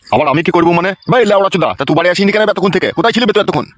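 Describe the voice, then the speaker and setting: Man voicing a cartoon father, slightly high, very fast, ranting, coarse, complaining. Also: background noise, natural voice. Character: exasperated cursing middle-aged father. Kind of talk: cartoon voice acting.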